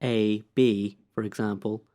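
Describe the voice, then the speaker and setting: A man co-hosting a songwriting podcast, asking curious, detailed questions in a relaxed, playful chat. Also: on the low side, a little slow. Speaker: podcast co-host. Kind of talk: casual chat about songwriting.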